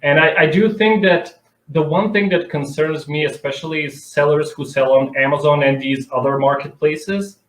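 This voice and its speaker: A man's voice: on the high side, fairly even intonation, normal speed. A man from North Macedonia, speaking conversationally as an expert guest in an interview. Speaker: interview guest, advertising director. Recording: echoey room sound.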